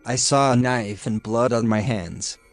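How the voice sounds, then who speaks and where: A man narrating a first-person horror story in a steady, scripted storytelling delivery. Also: medium pitch, unhurried. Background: faint music.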